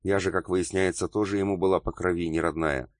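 A man voicing a gentle young woman in an audiobook, speaking in a soothing way. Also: deep voice, fairly even intonation, brisk, dry recording, studio quality, natural voice. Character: gentle young woman comforting her brother.

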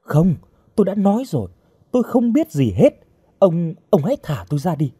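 Scared young female captive, high and pleading, husky edge; a man doing the voice for an audiobook. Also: a little fast, warm tone. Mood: defiant, shrill. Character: frightened young woman student held captive.

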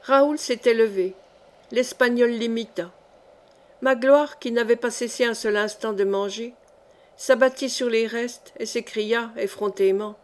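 A woman reading a historical novel aloud in a measured, clear way. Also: on the high side, fairly even intonation. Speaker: audiobook reader.

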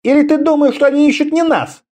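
A man's voice: very high voice, fairly even intonation, quick pace, voice pushed up. A man reading an audiobook, voicing a fierce young female bandit leader who mocks and barks orders. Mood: mocking. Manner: mocking, bossy, shouting orders.

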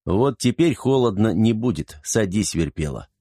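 A man's voice: lowish voice, sing-song, normal speed, dark tone, slightly rough, dry recording, clean studio sound. A man reading an audiobook, voicing a witty, commanding young man who jokes and turns stern. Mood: playful. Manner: joking, then stern.

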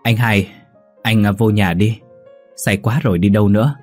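Một người đàn ông giọng khàn, giọng miền Nam, đọc lời một cô em gái hiền lành đang nhỏ nhẹ can ngăn. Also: male voice, lowish voice, steady tone, moderate pace, soft background music, close to an everyday voice. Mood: pleading. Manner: soft, pleading, soothing. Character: gentle, pleading young sister.

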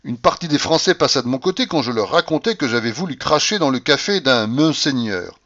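A man's voice: mid-range voice, expressive, brisk, a bit bright, pitched above the performer's own voice. A man doing a defiant, quarrelsome young gambler. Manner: provocative, haughty. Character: rude, hot-tempered young male gambler narrator. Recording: dull lo-fi recording.

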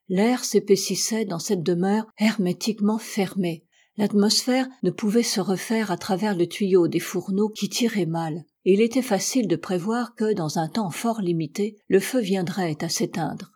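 Lady reading an old adventure novel, mellow darkish voice, kinda breathy. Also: medium pitch, normal speed. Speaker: audiobook reader. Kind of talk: reading a classic novel aloud.

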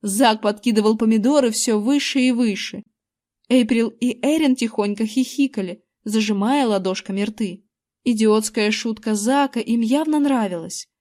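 A woman narrating an audiobook in the first person with lively, expressive storytelling. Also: on the high side.

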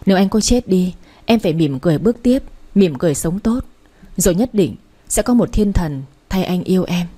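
A gentle young man speaks his last loving words, read by a woman narrator. The voice is mellow and husky, soft and unhurried. It is a storybook reading. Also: on the low side, expressive. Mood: tender. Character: dying young man, tender and devoted.

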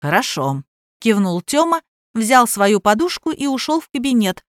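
A woman narrating a novel as an audiobook reader, telling it in a lively, expressive way. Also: on the high side, moderate pace, no echo, clean studio sound. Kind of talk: scripted narration.

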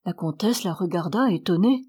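Brief: female audiobook narrator, measured literary reading. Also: fairly low pitch, lively intonation, dark tone, slightly rough. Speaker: audiobook reader.

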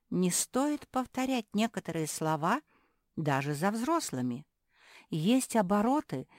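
A woman's voice: on the low side, a little mellow, no echo, clean studio sound, voice pushed up. A woman voicing a prim elder female pug who lectures her sisters reproachfully, in a storybook reading. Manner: reproachful, instructive. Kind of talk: storybook character voice.

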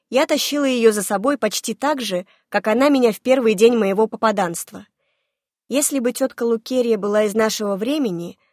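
A woman reading a first-person fantasy novel aloud in a lively, expressive narration. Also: a little high, dry recording, studio quality. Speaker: audiobook narrator.

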